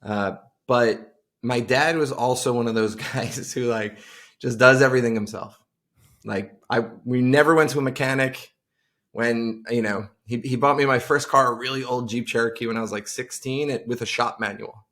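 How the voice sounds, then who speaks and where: A man in his forties from Long Island, speaking with a gravelly, creaky edge as a podcast guest. He rambles loosely, circling back with fillers and restarts as he talks over a video call. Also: medium pitch, steady tone, moderate pace, a bit bright. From Long Island, New York. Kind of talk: casual interview chat.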